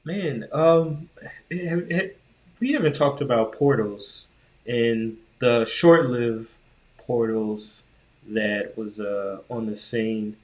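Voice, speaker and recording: A podcast co-host chats casually in a laid-back, slangy style. His mid-range voice takes things slowly.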